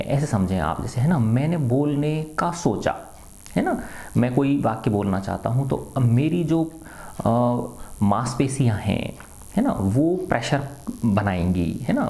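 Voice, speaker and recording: A man's voice: mid-range voice, vocal fry, dark tone. A middle-aged man teaching a science lesson to students, often asking a question and answering it himself, and tagging his sentences with a short check for agreement. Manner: asks and answers his own questions, repeats "है ना". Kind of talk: classroom lecture to students.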